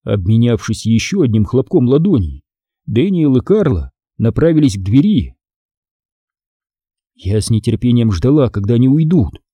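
An audiobook narrator reads a first-person story with expressive storytelling, his very dark, husky, medium-pitched voice moving lively across a wide range. He speaks at a moderate pace, recorded dry and close to the mic with no echo.

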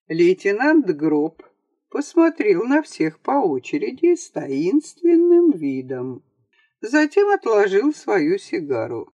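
An audiobook reader telling a comic story with a wry, theatrical touch. The pitch rises and falls a lot, and the dry home-studio voice-over has almost no echo. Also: dark tone. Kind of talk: scripted narration of a comic story.

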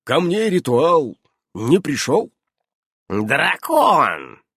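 A man voicing a fussy, brisk old female witch who keeps darting from question to question in an audiobook. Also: huge pitch swings, pushed and bright, breathy edge, no echo, studio quality, heavily acted. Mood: brisk, prying. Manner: shrill, darting, interrupting. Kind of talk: audiobook character voice.

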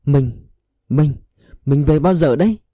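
Brief: narrator as an older widower, confused and longing, pleading, slightly raised pitch. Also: male voice, animated, very fast, mellow, no room sound, lightly acted. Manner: stammering, pleading. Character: grieving old man, confused, longing.

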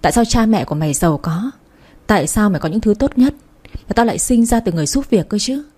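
A woman's voice: mid-range voice, animated, fast, dark tone, slightly rough. A woman voicing a spiteful, envious young woman who sneers at her rivals. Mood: sneering.

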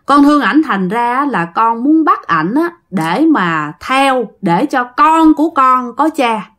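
A woman's voice: sing-song, takes it slowly, fairly bright tone, exaggerated voice. A woman voicing a pleading female ghost who has possessed a man and begs in a whiny voice. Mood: wistful. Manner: whiny begging, rising to high pleas.

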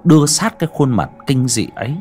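A man's voice: medium pitch, lively intonation, fairly quick, darkish tone, soft background music. A man narrating a horror audiobook with dramatic storytelling.

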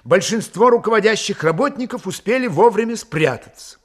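A man's voice: high voice, lively intonation, fairly quick. A man narrating a classic novel as an audiobook, reading expressively and dramatically. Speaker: audiobook reader.

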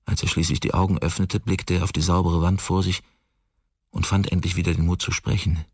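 A man narrating a radio drama in a slow, measured storytelling way, recorded on a studio microphone. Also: low voice, little pitch movement, husky, no room sound.

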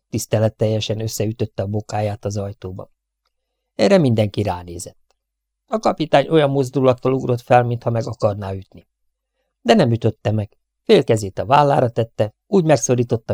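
A man's voice: medium pitch, dark tone, no room sound. Man reading an audiobook, dry and close. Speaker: audiobook reader. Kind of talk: scripted narration.

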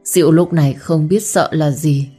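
Woman storyteller, dramatic audiobook narration, low dark voice, faint background music. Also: steady tone, moderate pace, slightly rough.

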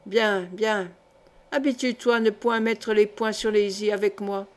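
A woman's voice: medium pitch, fairly even intonation, measured pace, darkish tone, natural voice. A woman reading the lines of a jovial, teasing older male colonel in an audiobook, in a bantering, mocking tone.

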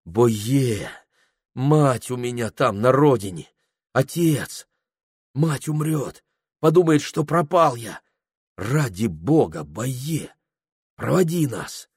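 A man's voice: mid-range voice, lively intonation, slow, breathy edge. A man voicing a desperate young man who speaks earnestly and imploringly. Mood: pleading.

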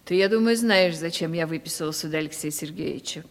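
In a reverberant 1970s Russian radio play, an actress voices a vain, domineering aging provincial lady with theatrical, imperious flair. Her voice sits low and moves quickly, and she sounds stern and condescending.

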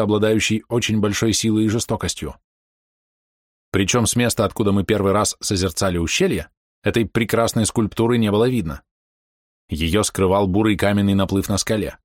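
Low-voiced male audiobook narrator. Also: dry recording, studio quality. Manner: measured, descriptive. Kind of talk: first-person audiobook narration.

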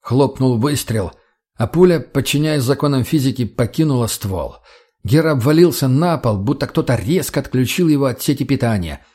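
Husky male audiobook narrator. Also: medium pitch, lively intonation, normal speed, darkish tone. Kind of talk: scripted narration.

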